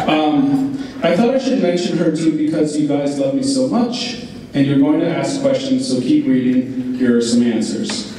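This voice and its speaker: A man giving an informal wedding speech as the groom, talking in a halting, candid way with wry asides. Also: mid-range voice. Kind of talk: informal wedding speech, partly read aloud. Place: large reverberant event room with audience. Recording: echoey hall, distant mic, background noise.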